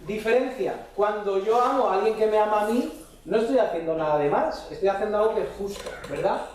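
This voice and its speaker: Pastor preaching in a big echoey church, keeps asking the crowd quick questions, mic kinda far off. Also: male voice, high voice, a little mellow, slight background noise. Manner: asks the congregation short questions. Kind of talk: sermon. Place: church hall.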